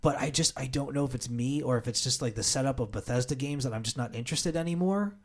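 A man hosting a relaxed conversation, keen and enthusiastic. He asks questions and moves the talk along at an ordinary, mid-range pitch. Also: quick pace. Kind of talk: casual chat.

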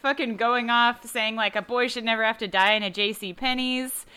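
A young woman co-hosting a podcast, chatting casually about a movie, animated and laughing often. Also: fairly high pitch, normal speed, clean tone. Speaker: podcast co-host. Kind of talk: casual movie review chat.

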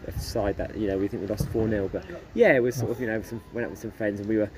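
A fast-talking man gets interviewed outdoors at a football ground. He rambles and hedges with lots of fillers. Clear background noise runs under his voice. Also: fairly low pitch, steady tone. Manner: rambling, many fillers like "sort of thing". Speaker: interviewed fan.

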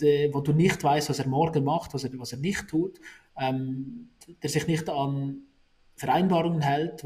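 A man's voice: a little high, darkish tone. A man, answering interview questions in a casual way, often restarting and repeating words while he thinks. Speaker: negotiation expert guest.

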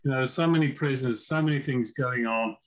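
Guy on a podcast, rambling stories, does little voices for people he quotes, mid-pitched. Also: a little fast, rough recording. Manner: chatty anecdotal storyteller, acts out quoted voices. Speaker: guest, chess author. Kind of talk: casual podcast interview.

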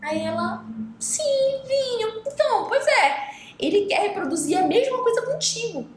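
This podcast co-host is a Brazilian woman with a Brazilian Portuguese accent and a very high-pitched voice at a moderate pace. In a casual chat she animatedly recounts a story and performs the quoted dialogue; the recording has a roomy echo and faint noise.

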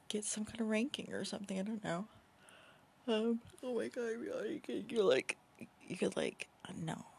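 A woman's voice: mid-range voice, creaky, darkish tone, slight background noise. A woman in her thirties whispering a podcast at home late at night, yawning often as babies sleep beside her. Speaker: podcast host and author.

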